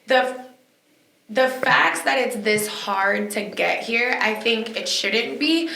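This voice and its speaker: Bright-voiced opinionated woman co-host. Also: on the high side, slow pace, gravelly. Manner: opinionated, rhetorical questions. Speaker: podcast co-host. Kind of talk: casual discussion. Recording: echoey room.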